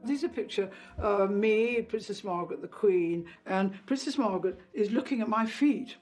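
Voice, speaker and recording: An older woman in an interview, reminiscing in a chatty, anecdotal way with halting asides. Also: mid-range voice, a little mellow, faint music behind. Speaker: interviewee, royal insider.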